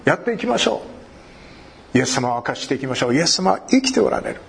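A male pastor preaches with a high voice that swings widely in pitch. He jokes with his listeners and acts out short scenes of talk. A faint hiss sits behind him. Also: fast, creaky. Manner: animated, jokes and acts out little dialogues. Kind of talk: sermon.

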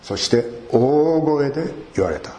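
A male pastor preaching a sermon in a conversational way, asking rhetorical questions and rising sharply in pitch for emphasis. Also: animated, measured pace, warm tone. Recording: echoey room.

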